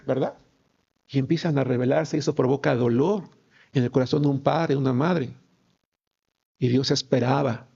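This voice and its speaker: A man's voice: mid-range voice, vocal fry, darkish tone, slightly rough. A male pastor preaching a sermon, emphatic and firing rhetorical questions at his congregation. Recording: dull lo-fi recording.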